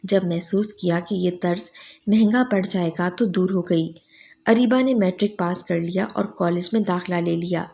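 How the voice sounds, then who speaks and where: A woman reading a sad story aloud in a soft, even, sorrowful narration. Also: on the low side, gravelly.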